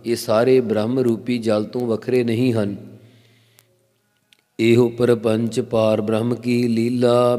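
A man giving a slow devotional exposition of scripture, intoning verse lines and then explaining them. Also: mid-range voice, dark tone. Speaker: Sikh scripture expounder. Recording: long reverb.

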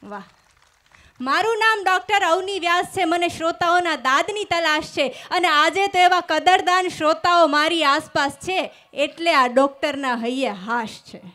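A woman stand-up comedian with a high voice performs on stage into a microphone before a live audience. She tells stories from her shows and acts out both sides of each exchange before landing the punchline. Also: moderate pace, bright, forceful tone. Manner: storytelling with acted-out dialogue and punchlines.

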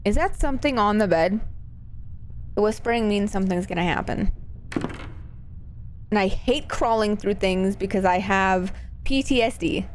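A woman's voice: medium pitch, moderate pace, pauses often, slight background noise. A woman streamer giving casual live commentary on a horror game, nervous and scared, with playful, sweary reactions. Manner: sweary, exclamatory; playful, jokey asides.

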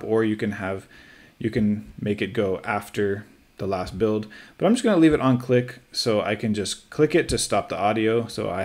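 A man who is a teacher, calmly talking through a screen-recorded software tutorial step by step, with light joking asides. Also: lowish voice.

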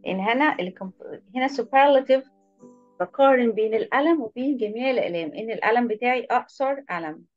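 A woman's voice: a little high, lively intonation, a little fast, a little mellow, muffled recording, soft background music. A woman with an Egyptian Arabic accent teaching an English class online, patiently explaining and praising each pupil by name. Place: online video lesson.

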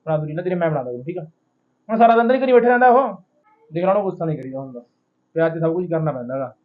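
A man playing a fast, coaxing young husband. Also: on the high side, expressive, phone-quality sound, close to an everyday voice. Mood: soothing. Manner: coaxing, repeats himself, fast talking. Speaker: young husband in a village family. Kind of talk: Punjabi short film acting.

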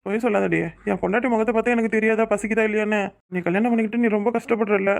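A man's voice: sits high, steady tone, rapid-fire, creaky. A man voicing a young, poor husband in a cartoon, soothing and reassuring his wife. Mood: tender. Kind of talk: cartoon voice acting.

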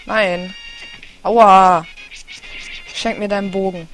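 Let's player, woman, excitable and goofy, slow delivery, mid pitch, faint game music in the background. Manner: playful and excitable, sings and puts on voices. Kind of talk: casual gameplay commentary.

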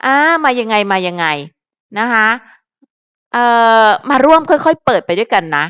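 A young woman vlogger talking easily and chattily to her viewers, calling herself by a nickname and musing out loud. Her voice sits fairly high. The sound is dry and close, with no room echo. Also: animated, normal speed, clear, resonant tone. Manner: talks to viewers directly, musing aloud. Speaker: fan vlogger. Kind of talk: casual chat.

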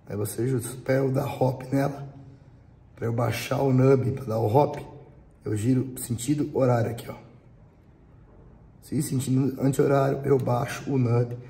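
Unhurried and pausing often, a middle-aged Brazilian-accented man gives a casual, explanatory airsoft product demonstration in a medium-pitched, dark-toned voice that is thin, cracked and reedy with vocal fry and fairly even intonation. As a shop reviewer, he uses many tag questions; the indoor shop and small range room lend roomy echo and faint background noise.

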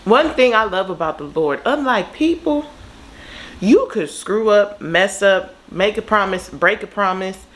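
A woman vlogger chatting casually to the camera, expressive and full of asides, with her voice slightly congested. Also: mid-range voice, a little slow, low-quality recording. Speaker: lifestyle vlogger. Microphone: camera mic.

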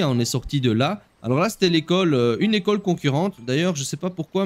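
A man hosting a let's play, commenting on the game in a playful, joking way. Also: on the high side. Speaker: gaming video host.

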